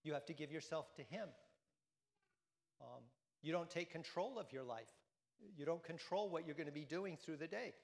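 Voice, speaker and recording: A man's voice: on the high side, animated, normal speed, big-room sound. A man giving a conversational sermon to a congregation, often repeating phrases and asking them questions. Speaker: priest. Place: church.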